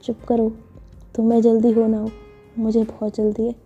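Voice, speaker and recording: Woman doing a confident teasing young woman, soft low assured talk, dark husky tone, dull audio, faint music. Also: little pitch movement, normal speed.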